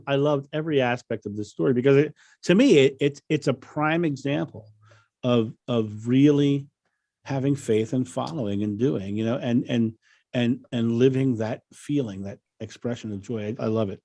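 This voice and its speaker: A man's voice: mid-range voice, normal speed, dark tone, no echo. A man hosting a casual interview, talking effusively and repeating himself as he goes. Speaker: interview host. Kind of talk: casual chat.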